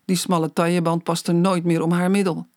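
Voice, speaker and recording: Slow, measured audiobook narrator. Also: mid-range voice, level tone, no room sound, clean studio sound. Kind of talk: scripted storybook narration.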